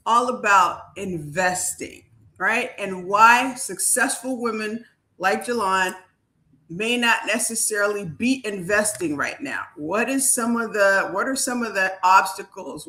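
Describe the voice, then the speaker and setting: A woman's voice: medium pitch, bright, forceful tone. A woman from Haiti hosting a live video chat as a wealth coach, talking in an upbeat, emphatic way.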